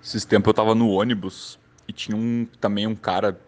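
A man's voice: fairly low pitch, level tone, a little fast. Rambling gaúcho man telling stories. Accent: southern Brazilian gaúcho. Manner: loose, rambling, lots of fillers. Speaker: storyteller. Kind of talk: casual anecdotal storytelling.

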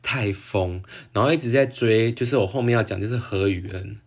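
A man with a Taiwanese Mandarin accent hosting a casual solo podcast chat, excitable, full of exclamations and laughing often. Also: fairly low pitch, brisk. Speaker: podcast host.

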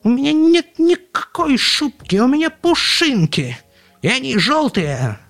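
A man voicing a timid little yellow female chick in an audiobook, with a squeaky, stammering voice. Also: sing-song, unhurried, creaky, no echo, soft background music, exaggerated voice. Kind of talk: audiobook storytelling.

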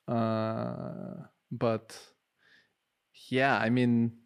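Mid-pitched man hosting a casual interview. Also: level tone, extremely slow, gravelly, clean tone. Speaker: interview host.

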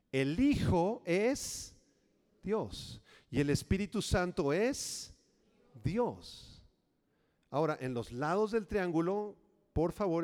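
A male pastor delivers a sermon in a hall with a long echo. His voice sits fairly high and moves a lot, jumping between loud, rousing lines and soft, careful instructions. He teaches patiently, step by step.

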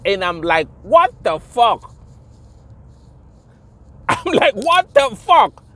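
A man's voice: a little high, fairly bright tone, slight background noise. A man with a Nigerian accent, mixing Pidgin and English in an indignant, impassioned vlog rant, swearing and repeating himself for emphasis. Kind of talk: ranting vlog monologue.

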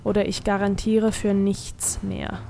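A woman voicing a calm young male hero who warns in a low, firm voice. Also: a little slow, creaky, slight background noise. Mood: calm warning.

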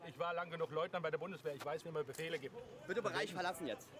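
A man giving curt commands through a megaphone, clearing an area outdoors. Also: fairly high pitch, very fast, fairly bright tone. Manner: barking curt orders.

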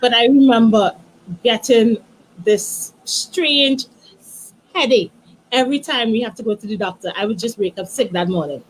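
A woman in her thirties, a guest author, tells her story in a soft, halting way, with many restarts and "you know". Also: a little high, a little hiss or hum, low-quality recording. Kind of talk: emotional personal storytelling.

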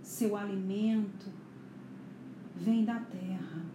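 A woman leads a guided meditation in a soothing, hushed spa manner, leaving long pauses between short phrases. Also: mid-range voice, steady tone. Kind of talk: slow guided meditation narration. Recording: echoey room, faint background noise.

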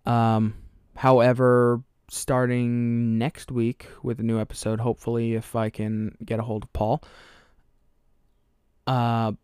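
A young podcast host from Alabama, with a fairly neutral American accent, talks alone on his show in a medium-pitched, darkish, clear, and resonant voice. The studio-quality audio has no room sound as he rambles off topic casually, using fillers and small laughs, losing track and poking fun at himself.

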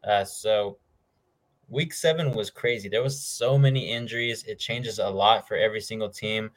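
Low-voiced man hosting casual football talk. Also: normal speed. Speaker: host of a football picks show. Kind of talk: casual sports talk, game predictions.

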